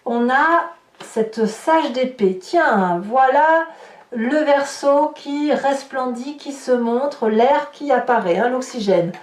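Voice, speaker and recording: Speaking slowly in a high register, this tarot reader and channel host works through an informal reading, chatting to her audience and thinking out loud with hesitant side remarks. It's picked up by a distant mic with room echo and clear hiss.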